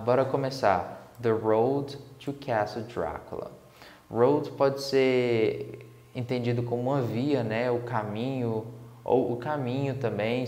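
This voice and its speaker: A man teaching English to Portuguese speakers. He reads the text aloud slowly and explains it in Portuguese. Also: medium pitch, darkish tone. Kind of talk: guided reading lesson, slow read-aloud. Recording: echoey room.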